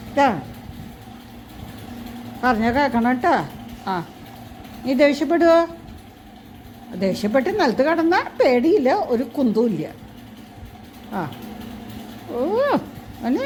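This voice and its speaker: A woman coaxing and gently scolding her pet in an affectionate, sing-song voice. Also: sits high, slight background noise, rough recording. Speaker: pet owner filming her pet. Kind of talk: cooing talk to a pet.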